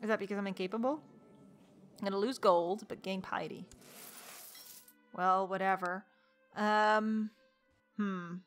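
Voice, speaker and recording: Faint music plays behind a woman's mid-range voice as she comments on her strategy game in a let's play, unhurried, pausing often, with fairly even intonation. Exasperated yet joking, she addresses the characters directly and laughs a lot.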